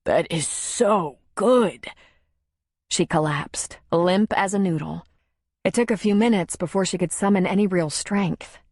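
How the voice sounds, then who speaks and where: A woman narrates a romance novel in a measured, steady reading. Her voice sits low for a woman, and the recording is dry and close, with no room sound. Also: no room sound. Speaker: audiobook narrator. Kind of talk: scripted narration.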